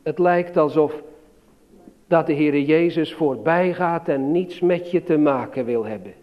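A man giving a children's sermon, slow and emphatic, asking the listeners questions. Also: fairly high pitch, muffled recording. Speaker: preacher.

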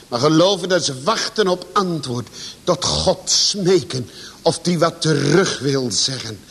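A man preaching a sermon to a congregation, swinging his pitch and volume for emphasis. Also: fairly bright tone, husky. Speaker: pastor. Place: church. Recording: long church reverb.

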